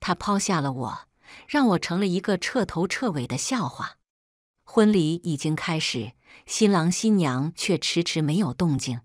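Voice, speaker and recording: A woman narrating a first-person drama story in a steady, emotive scripted read. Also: lowish voice, moderate pace, no room sound, studio quality.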